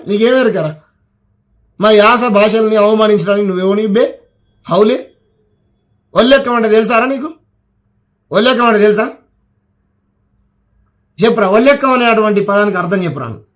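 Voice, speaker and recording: Telangana-accented man, high voice, heated scolding political rant. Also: fairly quick, pauses often, a bit bright. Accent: Telangana Telugu. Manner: heated, scolding, repeats words for emphasis. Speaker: political commentator.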